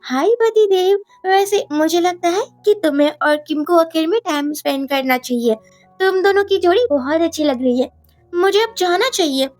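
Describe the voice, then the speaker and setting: A woman's voice: extremely high pitch, expressive, moderate pace, dry recording, soft background music. A woman doing a scheming young wife. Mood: sharp. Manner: sharp-tongued, scolding. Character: scheming young wife chasing divorce and money.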